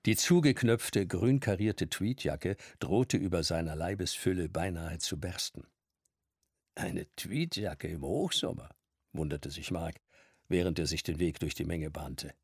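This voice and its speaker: A man narrating a novel as an audiobook reader, telling the story in an expressive way. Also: low-pitched, normal speed, slightly rough, no room sound, studio quality.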